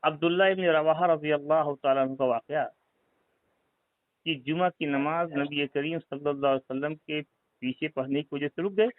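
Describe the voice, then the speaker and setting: Here the caller sounds a little high, keeping a steady tone at normal speed in a dry recording. He insistently argues religion over the phone with a member of a religious group, returning again and again to leading questions.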